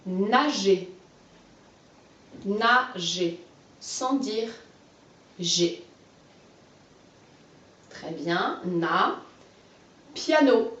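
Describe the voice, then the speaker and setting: A woman giving a phonics lesson to a young child, saying syllables slowly and clearly and praising each answer. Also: mid-range voice, slight background noise. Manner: slow, clearly stressed syllables, encouraging. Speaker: teacher. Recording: roomy, distant, muffled home video.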